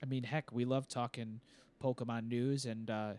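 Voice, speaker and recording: A man's voice: medium pitch, flat delivery, moderate pace, a little mellow. A young adult man co-hosting a casual gaming podcast, talking in a rambling, self-deprecating, jokey way. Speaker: podcast co-host.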